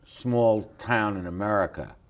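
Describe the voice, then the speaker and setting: A man hosting a talk show interview, relaxed and folksy, with hesitant fillers. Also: fairly low pitch, a little slow. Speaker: host. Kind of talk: casual interview chat.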